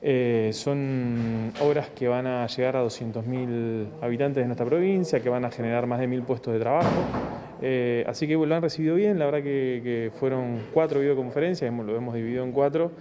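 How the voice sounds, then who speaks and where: Hesitant official, reverberant sound. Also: male voice, medium pitch, warm tone, a little hiss or hum. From Argentina. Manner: hesitant, measured, official explaining. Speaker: provincial government official. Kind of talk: interview about public works.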